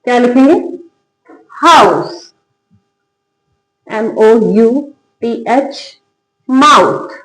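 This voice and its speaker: Echoey, high-voiced woman teaching phonics. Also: expressive, a bit bright. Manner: asks questions then answers them, repeats example words slowly. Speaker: English teacher. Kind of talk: classroom-style phonics lesson. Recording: echoey room.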